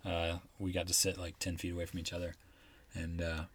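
Deep-voiced laid-back guest. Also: male voice, completely flat delivery, fairly quick, slightly rough, no echo. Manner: laid-back, joking, rambling with fillers. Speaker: guest, former coworker. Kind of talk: casual interview chat.

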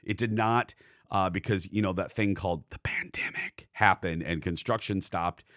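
A man's voice: low voice, normal speed, a bit bright, dry recording, clean studio sound. A man co-hosting a theme park podcast in casual chat, laughing easily and talking with frequent fillers. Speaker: podcast co-host.

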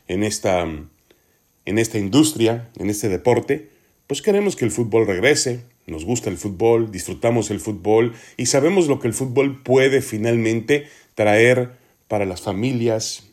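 A man hosting a sports podcast, giving opinion commentary in an earnest, deliberate and emphatic way. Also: fairly low pitch, a little mellow.

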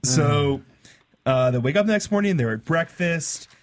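A man's voice: on the high side, expressive, normal speed. A man co-hosting a casual comedy podcast, eagerly recapping a TV episode. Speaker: podcast co-host.

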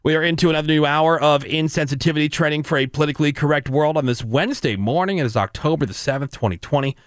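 An American man hosts a morning radio show from the studio, trading banter and running a phone-in contest over a music bed. His voice sits fairly high, he talks fast, and the sound is clean studio quality with no echo.

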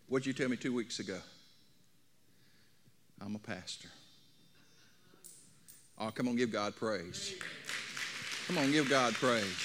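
This man in his sixties, a pastor, preaches a folksy sermon to his congregation, telling anecdotes and asking his listeners questions. His voice sits at a medium pitch and is a bit bright, with a little hiss or hum in the background.

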